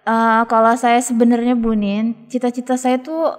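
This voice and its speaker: A woman's voice: fairly high pitch, little pitch movement, moderate pace. Cheerful joking woman teacher, reverb. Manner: jokey and cheerful, chatty storytelling. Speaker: teacher, guest. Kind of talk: casual podcast chat. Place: school podcast room. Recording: long room reverb.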